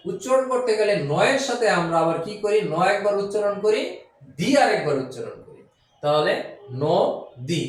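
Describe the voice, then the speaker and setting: A man with a high voice teaches a grammar lesson in a very echoey room. He sits some way back from the mic. He goes step by step, repeats each point and keeps asking the listener questions. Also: distant mic. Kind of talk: classroom-style grammar lesson.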